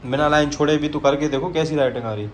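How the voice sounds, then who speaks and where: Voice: mid-range voice, quick pace, a little hiss or hum. A Bundelkhandi-accented family vlogger playfully teasing children at home, laughing often. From Bundelkhand, India. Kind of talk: playful home vlog, playing shop with children.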